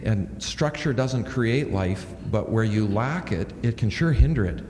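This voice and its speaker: A man's voice: fairly low pitch, lively intonation, unhurried, a little mellow. A man, a senior minister, speaking reflectively on a panel and thinking aloud with restarts into a handheld microphone. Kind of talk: panel discussion. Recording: echoey hall with faint noise.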